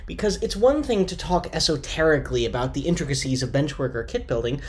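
A young American podcast host talks through listener questions in a casual monologue. The voice sits at a middle pitch and swings up and down a lot. The host slips in wry, self-mocking jokes. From United States.

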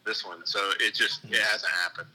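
A man heard over a speakerphone call while away at lunch, answering casually in a halting way with many fillers and restarts. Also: on the low side, steady tone, pushed and bright, husky, rough recording. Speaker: whiskey blender called in.

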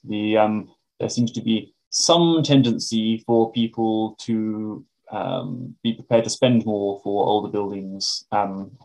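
British male academic as interview guest: donnish, mid-pitched, explains with careful qualifications. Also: rough recording.

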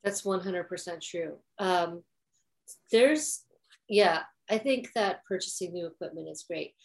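A woman's voice: lowish voice, lively intonation, a little slow, creaky. A woman co-hosting a podcast in casual chat, talking loosely with lots of "like" fillers and laughing easily. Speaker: podcast co-host.

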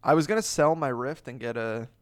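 A man hosting a podcast, chatting casually and rambling through restarts with plenty of swearing. His voice sits at an ordinary pitch and comes across dry and close. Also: brisk, no echo. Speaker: podcast host. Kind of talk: casual chat.

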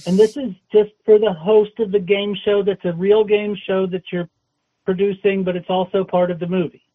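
This phone call comes through a speaker on a tinny line. The caller, a male casting agent, has a high-pitched voice with little pitch movement, speaks at normal speed, and stumbles through many restarts.

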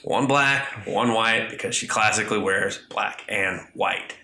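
A man in casual chat, animated and profane, who jumps into loud impressions. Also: lowish voice, unhurried, creaky, roomy sound, a little hiss or hum.

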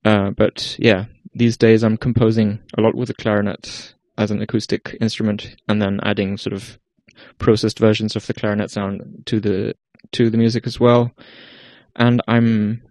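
A young Icelandic musician with an Icelandic accent talks casually as an interview guest about his path, often restarting sentences and using fillers. His lowish voice is darkish in tone, with little pitch movement, at a normal pace, and there is no room sound.

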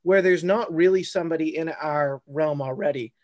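A man's voice: a little high, normal speed, a little mellow. A middle-aged man chatting as an interview guest, rambling and laughing often. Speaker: guest, fair performer. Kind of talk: casual interview chat.

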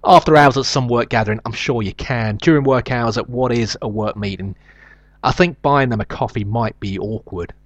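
A man's voice: mid-range voice, normal speed, no echo, lo-fi sound. A middle-aged man with a nasal South London accent, hosting a show with a rambling, hesitant, self-deprecating comic monologue. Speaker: show host.

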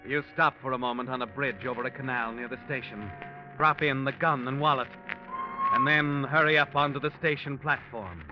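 A dull old radio recording with clear music underneath. An actor plays a grave male storyteller with a mid-pitched voice. He narrates in mid-century radio thriller style. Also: fairly even intonation, moderate pace, close to an everyday voice. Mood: grave, suspenseful. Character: grave storyteller addressing the killer as you.

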